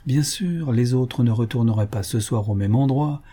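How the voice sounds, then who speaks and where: A man narrating a novel in a measured, storytelling reading. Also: mid-range voice, warm tone, husky. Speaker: audiobook narrator. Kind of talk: literary audiobook narration.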